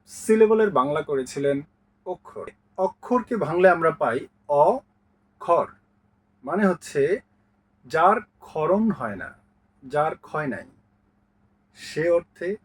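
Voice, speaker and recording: A man teaching a grammar lesson, counting out syllables one by one in a slow, clear way. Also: on the high side, rough recording.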